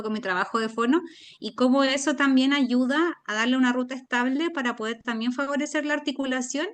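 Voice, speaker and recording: Woman speech therapist on a video call, higher voice, thinks out loud and rephrases. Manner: thoughtful, restarts phrases as she explains. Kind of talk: sharing professional experience in an online meeting.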